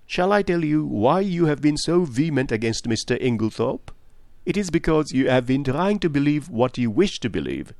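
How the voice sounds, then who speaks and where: In an audiobook, a man voices a sharp-witted male detective, his pitch sitting high and moving in lively swings, with some vocal fry. The character stays polite and composed, pressing with measured, persistent questions. The recording is close and dry, with no echo.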